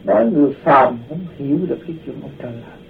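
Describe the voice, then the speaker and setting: A man's voice: mid-range voice, animated, racing, vocal fry, slight background noise. A man animatedly recounting a personal story and acting out the voices of the people in it. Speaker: storyteller recounting his past. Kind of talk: spoken personal testimony. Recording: tinny phone-like distant recording.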